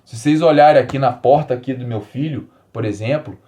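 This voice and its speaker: Animated Brazilian-born man teaching. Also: mid-range voice, a little fast. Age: 40s. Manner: animated, emphatic, repeats key words, drops to calm soft tones. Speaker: podcast host. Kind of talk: solo podcast teaching.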